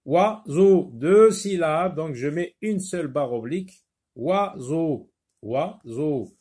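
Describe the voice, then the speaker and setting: A man teaching a phonics lesson, repeating words slowly and patiently, sometimes explaining in Arabic. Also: a little high, animated, warm tone, breathy edge. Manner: switches briefly into Arabic to explain. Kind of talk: primary school phonics lesson.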